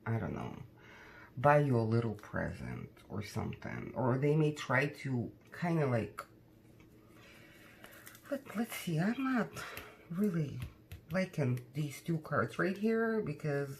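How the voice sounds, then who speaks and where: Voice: medium pitch, sing-song, a little slow, gravelly, long pauses, a little mellow, slight background noise. A tarot card reader talking casually to viewers in a conversational, cautioning way, often tagging questions onto statements.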